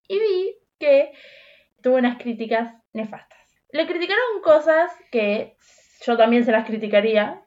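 A woman's voice: sits high, highs cut off. Blunt, slangy Rioplatense woman. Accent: Rioplatense Spanish. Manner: blunt, slangy, animated storytelling. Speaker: podcast co-host. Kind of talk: casual chat.

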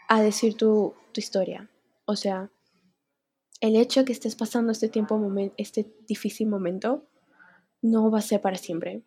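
Young woman vlogger, husky and mellow, speaking openly and unscripted. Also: medium pitch. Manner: candid, emotional, near tears at times. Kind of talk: unscripted personal vlog.

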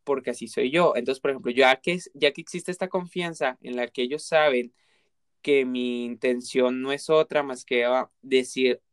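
A man's voice: medium pitch, steady tone, normal speed, clear, resonant tone, no echo, clean studio sound. A man with a Mexican accent in casual conversation, talking earnestly and explaining his views at length with many examples. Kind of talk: casual chat.

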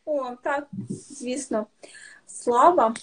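A high-pitched Ukrainian woman with a soft, breathy voice. She teaches signs patiently in a casual chat, pausing often with fillers and restarts. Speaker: sign language teacher, guest.

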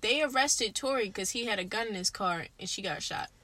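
A woman's voice: medium pitch, fairly quick, sharp tone. A woman co-hosting a casual podcast chat, speaking in a blunt, emphatic and slangy way with plenty of swearing. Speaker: podcast co-host.

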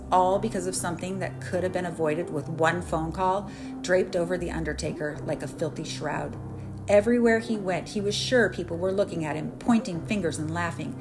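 A woman with a fairly low voice narrates a story with wry, dramatic timing. Clear music plays under her narration throughout. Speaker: podcast host.

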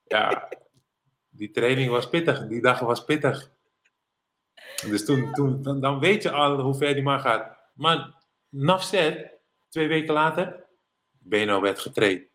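A middle-aged man from the Netherlands, a former professional basketball player, telling animated anecdotes as an interview guest. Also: mid-range voice, measured pace. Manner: animated anecdotes, mimics others in English quotes. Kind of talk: casual storytelling interview.

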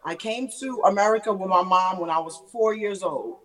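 A woman from Queens, New York, a battle rapper, chatting relaxed and laughing easily as an interview guest. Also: medium pitch, normal speed, far from the mic. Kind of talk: casual interview chat.

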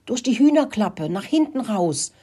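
A woman doing a kind squeaky mouse. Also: big pitch swings, moderate pace, warm tone, husky. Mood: urgent, patient. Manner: squeaky, patiently explaining. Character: caring little male mouse, gentle teacher.

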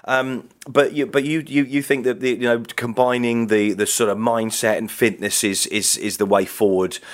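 A man's voice: mid-range voice, level tone, moderate pace. A man hosting a casual chat, eagerly repeating his words and questions. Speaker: radio host.

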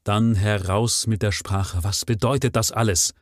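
A man's voice: fairly low pitch, steady tone, a little slow, no room sound, clean studio sound, lightly acted. A man reading aloud, voicing a stern male nobleman who angrily commands and interrogates his servant. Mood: angry. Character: stern indignant male nobleman, master of the house.

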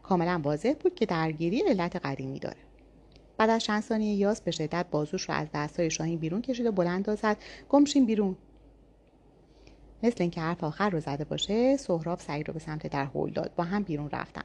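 A woman narrating a first-person audiobook story in a calm, even reading voice. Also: on the low side.

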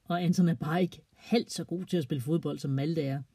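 A storyteller reading a children's story aloud in a plain, even way. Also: medium pitch, breathy edge, dry recording.

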